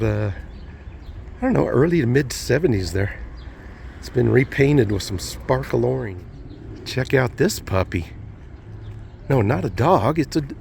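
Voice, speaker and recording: A man narrating a casual walking vlog with an easygoing, chatty way of thinking aloud, his voice still rough from the morning. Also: medium pitch, a little mellow, a little hiss or hum. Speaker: vlogger. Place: outdoor plazas and market.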